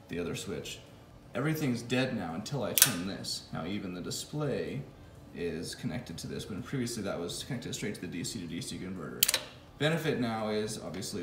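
A man whose voice sits on the low side casually talks over his motorcycle wiring in his home garage, thinking out loud with fillers and restarts as he builds an electric motorcycle for his vlog. He's recorded close on a phone camera, and the audio is roomy and very noisy.

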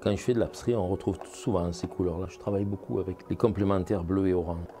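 A painting instructor with a low, mellow voice talks fast and fairly evenly as he demonstrates. He's chatty, thinking aloud and checking in with viewers, addressing them with "hein" and "vous voyez".

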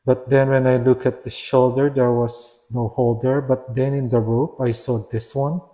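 A man's voice: mid-range voice, level tone, normal speed, dark tone. A man reviewing an action figure in a casual, hesitant way, often stopping to restart and correct himself. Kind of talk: casual product review narration.

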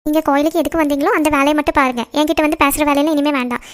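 Lady doing a very high quick young cartoon girl, proud and hurt. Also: steady tone, lightly acted. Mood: angry. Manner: quick, sharp delivery that turns tearful and defiant. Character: young woman Janani, heartbroken and proud. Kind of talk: cartoon voice acting.

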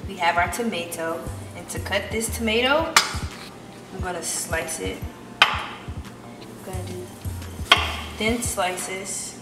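A woman chef with a voice on the low side gives a step-by-step cooking demonstration in a home kitchen, speaking slowly with long pauses. Her delivery is instructive. The audio is roomy and distant, like camera sound, with loud background music.

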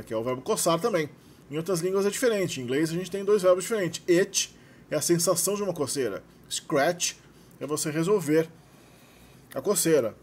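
Male teacher, slightly raised pitch, explanatory tone as he narrates his course screens. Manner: explanatory, frequent "né" tags. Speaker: language course creator. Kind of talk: screen-share lesson narration.

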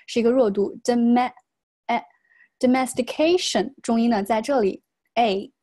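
A woman teaching an English pronunciation lesson, reading phrases slowly as models and then explaining them. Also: fairly high pitch, warm tone.

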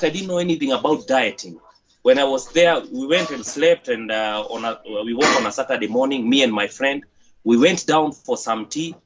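A young man with a Kenyan accent speaks over a dull, lo-fi video-call line with a faint hiss behind him. He talks in a halting way, full of fillers and restarts, like a guest in a casual interview. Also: medium pitch. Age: young adult. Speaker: interview guest, gym owner. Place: outdoors by a corrugated metal wall. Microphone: headset on a video call.

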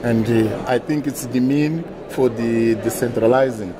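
A middle-aged man, a native Portuguese speaker with a thick foreign accent, giving halting interview answers in non-native English. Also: mid-range voice. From Mozambique. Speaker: utility manager being interviewed. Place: indoor conference interview booth. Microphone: lapel. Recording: busy event hall chatter behind.

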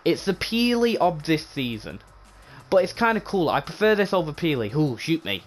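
Guy with a slightly high voice rambling casually over a game review, repeats himself a lot, voice a bit hoarse. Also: big pitch swings, moderate pace, soft background music. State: voice going hoarse. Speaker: gaming channel host.

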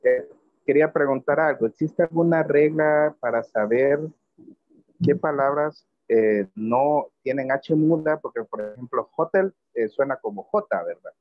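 A man, a student in an online class, asking a question hesitantly with many pauses and fillers. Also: mid-range voice, no echo, narrow, tinny audio. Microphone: video call.

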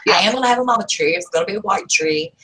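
A woman's voice: mid-range voice, rapid-fire, bright, forceful tone, low-quality recording. A woman, chatting casually on a craft vlog and reading out viewer comments. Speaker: craft vlogger. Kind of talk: casual live chat.

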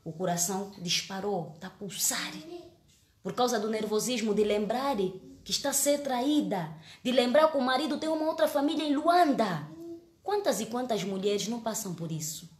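A woman's voice: fairly high pitch, animated, moderate pace, roomy sound. A woman, an actress telling a story in a casual live-stream chat, earnest and emotional, often restarting her words. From Angola.

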